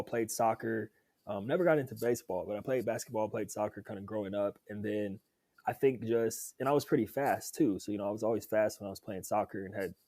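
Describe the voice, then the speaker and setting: A man's voice: lowish voice, darkish tone, no echo. A young man, a podcast guest and former football player, telling his story in an upbeat, chatty way. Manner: upbeat, chatty, laughs easily. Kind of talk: casual interview storytelling.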